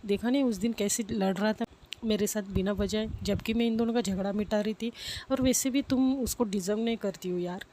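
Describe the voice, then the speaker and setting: A woman's voice: medium pitch, a little fast, warm tone, a little hiss or hum, natural voice. A woman voicing a jumpy young woman who scares easily and mocks others bluntly. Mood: mocking.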